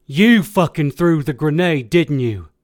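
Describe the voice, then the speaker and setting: Man doing a raging army sergeant, high strained shouting, loud, dry close sound. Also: animated, measured pace, dry recording. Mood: furious. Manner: shouting, accusing. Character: enraged male army sergeant, screaming.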